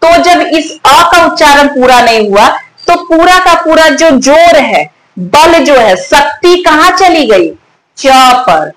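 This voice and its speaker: A woman teaching a Hindi grammar lesson, repeating example words slowly to show where the stress falls and asking the students questions. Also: high voice. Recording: echoey room with faint ambient noise.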